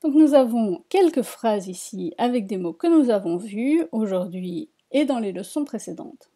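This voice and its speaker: A woman teaching a reading lesson, spelling out syllables one by one and repeating each word slowly. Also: medium pitch, animated, mellow. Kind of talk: slow spoken language lesson.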